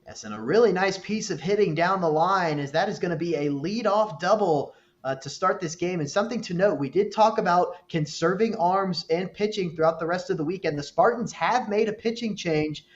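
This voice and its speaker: Measured male baseball commentator, dull remote audio. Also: sits high. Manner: measured, explanatory, many fillers. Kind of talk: live sports commentary.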